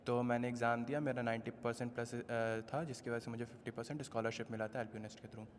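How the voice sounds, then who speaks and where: A polite young male student from Uttar Pradesh answers a casual interview respectfully, his mid-pitched voice staying very flat. A long reverb from the room hangs on his words. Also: quick pace, a little hiss or hum. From Uttar Pradesh, India. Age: 20s. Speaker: third-year student. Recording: echoey room.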